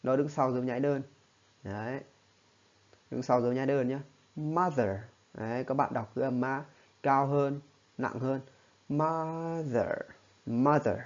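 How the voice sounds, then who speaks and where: A man's voice: mid-range voice, little pitch movement, normal speed, long pauses, darkish tone, dull audio. A man teaching a spoken lesson, explaining patiently and often checking in with his listeners. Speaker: English teacher.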